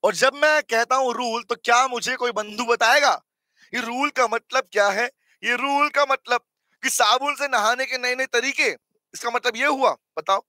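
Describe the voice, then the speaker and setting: A hoarse man teaching a live online accounting class, who quizzes and teases his students in an animated way. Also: very high-pitched, moderate pace, no room sound.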